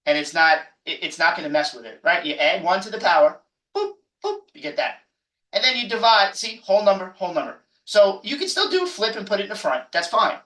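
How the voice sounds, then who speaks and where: In an echoey room with a distant mic, a male math professor reviews for an exam at a quick pace, his high voice animated, pushed and bright. He jokes, stresses points emphatically, and repeats himself a lot.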